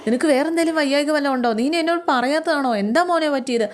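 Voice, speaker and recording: A woman's voice: high voice, fast, pitched above the performer's own voice, natural voice. A woman voicing a caring older woman who anxiously fires off questions. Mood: worried.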